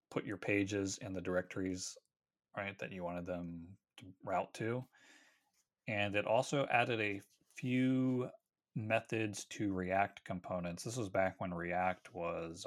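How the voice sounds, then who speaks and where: A man co-hosting a casual tech podcast, explaining things at length and correcting himself as he goes. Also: low-pitched. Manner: rambling, self-correcting explanations. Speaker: podcast co-host.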